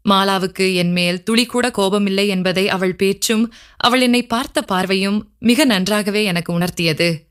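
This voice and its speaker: A woman's voice: mid-range voice, a little slow, a bit bright, clear, resonant tone. Woman narrating a story.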